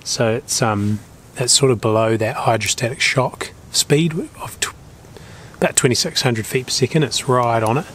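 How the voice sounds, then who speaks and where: A man's voice: mid-range voice, normal speed, fairly bright tone. A man with a broad New Zealand accent talking casually and in a laid-back way to camera as a hunting vlogger outdoors. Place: outdoors in bush and hilltops. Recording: noisy outdoor ambience.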